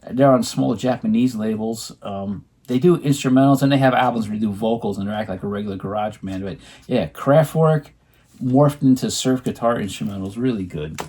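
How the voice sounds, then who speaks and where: A man's voice: mid-range voice, a little fast, darkish tone, husky. A man co-hosting at home, chatting casually about records he bought, rambling with many ums and restarts. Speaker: co-host showing his record purchases. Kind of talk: casual chat.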